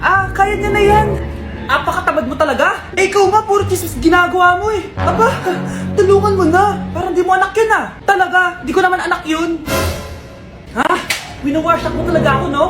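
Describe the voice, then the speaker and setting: Very high-pitched, melodramatic cartoonish skit characters. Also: female voice, brisk. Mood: bickering. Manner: melodramatic, exclaiming. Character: excitable high-voiced characters in family squabble skits. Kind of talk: exaggerated comedy skit dubbing. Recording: echoey, music behind the voice.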